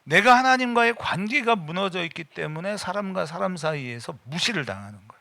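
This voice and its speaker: A middle-aged man preaching an afternoon sermon as senior pastor in a church. He speaks personally and emphatically, moving between casual talk and sudden loud bursts of prayer. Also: sits high, lively intonation, fairly quick, gravelly, no room sound. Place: church sanctuary.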